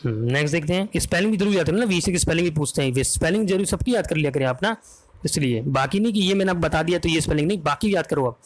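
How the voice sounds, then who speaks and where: A man's voice: a little high, animated, rapid-fire, a little hiss or hum. A man with an Indian accent teaching English vocabulary for an exam, spelling words out letter by letter and often checking that students follow.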